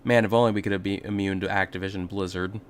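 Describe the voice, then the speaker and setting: A man's voice: low voice, steady tone, fast, slight background noise. A man streaming a video game, making joking, profane asides over the dialogue. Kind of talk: casual game commentary.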